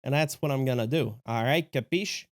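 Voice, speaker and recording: A man's voice: mid-range voice, normal speed, close to an everyday voice. A man voicing a flying disc as a swaggering male tough guy who talks like a wise guy.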